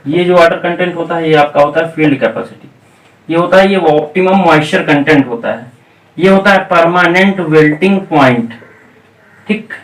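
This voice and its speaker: A male coaching teacher lectures in a classroom, walking through each idea step by step and checking in with the class. He slows down to dictate English technical definitions. His fairly high voice is picked up from a distance, with a lot of room echo. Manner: explains step by step, checking in with repeated "theek hai". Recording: echoey room, voice off-mic.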